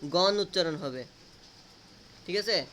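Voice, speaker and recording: Guy teaching grammar to a class, keeps asking and repeating, high bright voice. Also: moderate pace, a little hiss or hum. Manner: repetitive, drilling students with questions. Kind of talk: Bengali grammar lesson.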